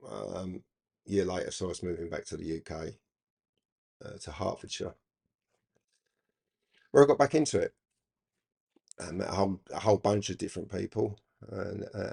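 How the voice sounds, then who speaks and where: A middle-aged British YouTube host of radio hobby videos talks casually and unscripted, rambling with hesitation and repeating words as he goes. His low voice has vocal fry, a slightly mellow tone and a breathy edge.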